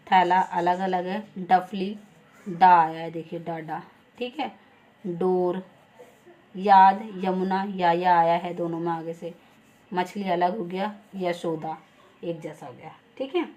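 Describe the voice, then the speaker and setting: Patient Hindi teacher woman explaining slowly. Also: lowish voice, darkish tone, a little hiss or hum. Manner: patient, step-by-step, repeats "ठीक है". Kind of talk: explaining a school lesson.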